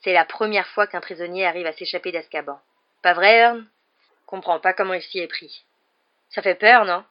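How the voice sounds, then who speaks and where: A woman narrator plays a smug young male bus conductor from a storybook, chatty and dramatic, forever fishing for agreement with little tag questions, in a dramatic, gossipy mood. Her lowish voice is steady at a moderate pace, close to an everyday voice, and the sound is slightly muffled.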